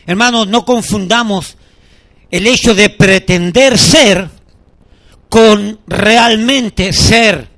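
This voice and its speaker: A middle-aged pastor, a man, preaches a sermon in an unusually high, brightly ringing voice. His delivery is animated as he tells stories and acts out the people in them.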